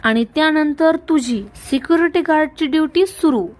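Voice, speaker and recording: A woman reads out a young husband in a retold TV serial, coaxing his best friend one moment and ordering him as the boss the next. The voice sits high and eager. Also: normal speed, close to an everyday voice. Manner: wheedling then ordering. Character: young businessman husband, pleading and bossy.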